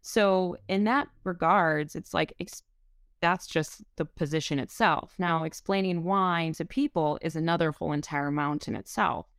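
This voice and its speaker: A woman's voice: low-pitched, moderate pace, smooth, dry recording, clean studio sound. A woman who is a restaurant wine director, answering an interview question in a rambling way with many fillers and restarts.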